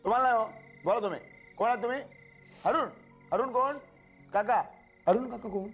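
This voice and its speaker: An actor playing a teasing, quick-tempered husband in a bickering marriage, in a TV serial. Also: male voice, extremely high pitch, breathy edge, soft background music, full character voice. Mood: excited. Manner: teasing and curt, bursts into loud cheer. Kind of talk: TV serial acting.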